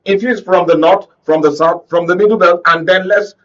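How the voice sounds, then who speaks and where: Here the Nigerian conflict reporter talks at a moderate pace in a high, fairly even voice that sounds a bit bright, with the highs cut off. As a talk-show panel guest in a radio and TV studio discussion, he gives emphatic, rhetorical political commentary and frequently checks that listeners are keeping up.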